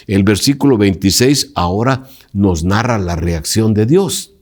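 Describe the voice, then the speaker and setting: A man's voice: lowish voice, animated, measured pace, a little mellow. A male pastor teaching a Bible lesson, emphatic and preacherly, putting direct questions to his listeners.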